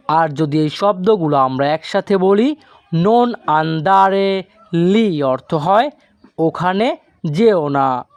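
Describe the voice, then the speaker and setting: A man teaching a language lesson from a script, slowly and deliberately, drawing out each foreign word. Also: high-pitched, clean tone, no room sound. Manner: slow and deliberate, stretches out foreign words.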